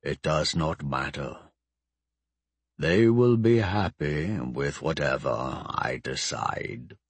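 A man voicing an ancient male lich, a cold and grandiose undead sorcerer who speaks in a slow, measured, commanding way. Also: a bass voice, lively intonation, no echo, voice pushed down, heavily acted. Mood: calm, dismissive. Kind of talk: audiobook character voice.

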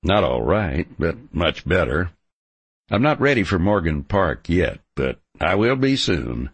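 Stubborn, romantic cowhand for western audiobook, male reader: gravelly, cocky, blunt, confident, lively pitch movement. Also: measured pace, no room sound, exaggerated voice. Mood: resolute. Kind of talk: audiobook character dialogue.

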